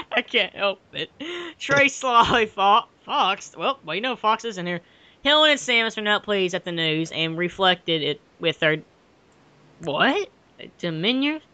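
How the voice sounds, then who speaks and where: A young man reading a story aloud casually for comedy, giggly and excitable, often breaking off to riff on it. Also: sits high, unhurried, smooth, no room sound. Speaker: co-reader of a dramatic fan fiction reading. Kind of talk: casual comic read-aloud with ad-libbed commentary.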